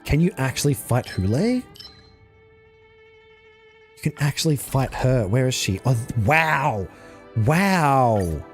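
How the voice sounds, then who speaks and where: A man streaming a game live, reacting loudly, swearing freely and thinking out loud as he plays. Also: medium pitch, slow, pauses often. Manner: excitable, swears a lot, thinks aloud. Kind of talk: casual live-stream commentary. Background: faint game music.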